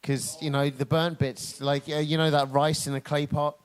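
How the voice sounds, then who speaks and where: A man giving energetic, joking play-by-play commentary at a live drift event. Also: on the high side, normal speed, smooth.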